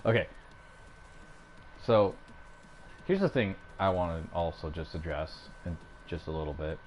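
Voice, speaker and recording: A man's voice: low voice, lively intonation, a little slow, a little mellow, slight background noise. A young man in a casual, rambling gaming rant at home, getting fired up, with lots of fillers and restarts, speaking into a headset mic. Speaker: gaming YouTuber. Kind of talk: casual ranting commentary.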